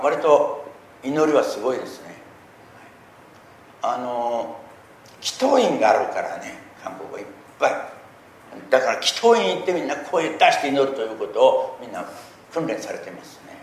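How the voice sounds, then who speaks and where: A middle-aged man preaching a sermon, talking earnestly and swelling loudly on key points. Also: medium pitch, big pitch swings, normal speed. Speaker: pastor. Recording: echoey room with faint noise.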